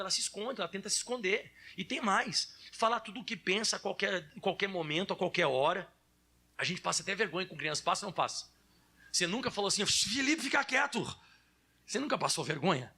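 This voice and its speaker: A man in his thirties preaching as a pastor in church, lively and animated, acting out children's whiny voices. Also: sits high, slightly rough. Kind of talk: sermon.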